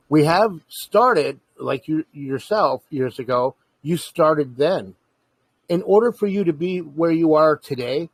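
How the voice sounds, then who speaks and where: Husky guy lecturing earnestly, kinda high voice, dry close sound. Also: no echo. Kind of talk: casual conversation.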